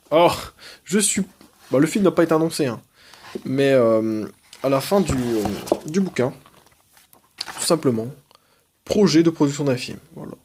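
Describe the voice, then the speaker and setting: A man's voice: on the high side, darkish tone. A young man casually reviewing his comics collection, enthusiastic, with frequent hesitations and fillers.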